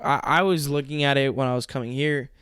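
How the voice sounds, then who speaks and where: Smooth-voiced young man rambling casually. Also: mid-range voice, steady tone, a little fast, fairly bright tone, dry recording, studio quality. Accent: Southern California. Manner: rambling, filler-heavy with many "like"s. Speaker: podcast co-host. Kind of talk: casual chat.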